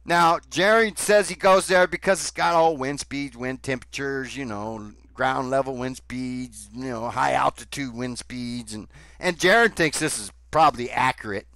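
A man's voice: mid-range voice, normal speed, bright, forceful tone, no echo. A man hosting a commentary video, mocking played clips with sarcasm and swearing. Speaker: commentary host.

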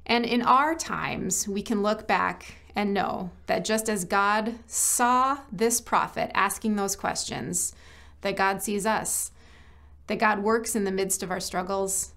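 A woman from church ministry staff giving a short devotional message, telling a personal story gently and reflecting on scripture. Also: mid-range voice, slow pace.

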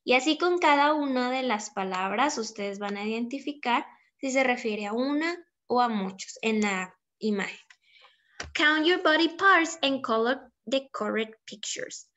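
A woman teaching children English in a recorded lesson, explaining patiently and reading English phrases very slowly. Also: on the high side, expressive, fairly bright tone, muffled recording. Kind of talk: recorded online class.

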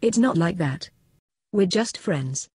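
A female text-to-speech voice plays a sardonic, disembodied computer moderator and sidekick in a scripted comedy dialogue. It sounds deadpan, lowish and slow, with a noisy background.

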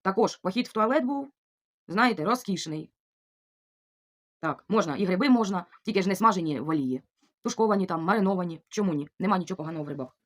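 A woman's voice: on the low side, lively intonation, fast talker. A middle-aged woman from Ukraine chatting casually in a vlog, reading out viewer comments and thanking each one again and again. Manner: warm, chatty, repeats thanks over and over. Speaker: vlogger answering viewer comments. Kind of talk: casual chat.

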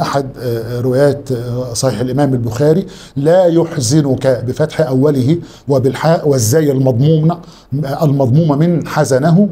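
A man with an Egyptian Arabic accent teaching a religious lesson as a sheikh, prompting his students with questions and slowing down to spell out word forms. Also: medium pitch, dark tone, husky.

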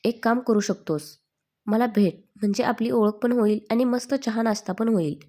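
A woman's voice: on the high side, normal speed, warm tone, close to an everyday voice. A woman voicing a sneering, taunting criminal man. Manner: mocking, taunting.

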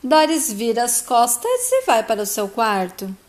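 High-voiced woman retelling a story. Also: wildly swooping pitch, a little slow. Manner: plain narration, acts out dialogue. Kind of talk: casual retelling of a soap opera plot.

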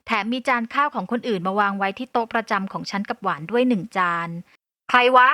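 A woman narrating an audio novel in the first person, with a steady, scripted delivery on a close mic. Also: medium pitch, quick pace, no room sound.

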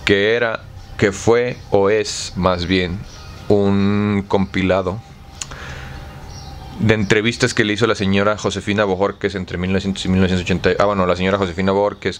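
A Mexican man with a deep, low voice hosts a book club video. He talks in a loose, slangy, irreverent way. There is a faint hum behind him. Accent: Mexican Spanish. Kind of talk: casual book commentary.

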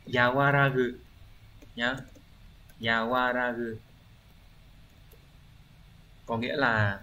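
A man's voice: mid-range voice, fairly bright tone, muffled recording, slight background noise. Man teaching, patient and explanatory. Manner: explanatory, frequent checking questions. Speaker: Japanese teacher. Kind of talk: exam review lesson.

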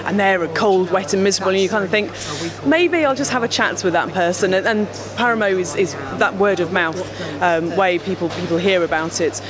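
At a trade show booth, a company representative in her thirties talks about products into an interviewer's handheld mic, with crowd chatter behind her. Her mid-range voice moves briskly with few pauses, though she often uses fillers and restarts.

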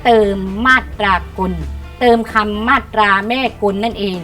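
A middle-aged woman teaching young pupils in an online lesson. She coaxes them along and reads words aloud slowly so they can repeat after her. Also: medium pitch, steady tone, a bit bright, faint music behind. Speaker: primary school teacher.

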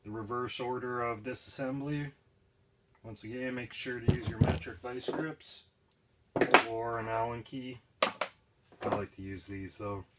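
Crouched at work in an indoor garage or shed and filming himself, a young man hosts a DIY video, casually explaining a repair one step at a time. His medium-pitched voice stays fairly even, and his delivery is plain, practical, unhurried, and full of fillers. The recording is very noisy.

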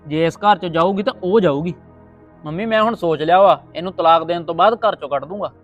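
A man's voice: high-pitched, brisk, dull audio, soft background music, lightly acted. A man playing an earnest young husband. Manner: earnest, pleading. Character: young husband caught between wife and mother. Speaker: husband and son. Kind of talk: family skit acting.

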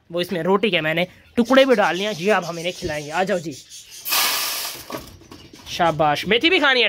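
In a casual farm vlog, a young man speaks in a high-pitched, bright, forceful tone over slight background noise. The vlogger and bird keeper chats as he feeds his birds and rabbits, coaxing and calling them between remarks.

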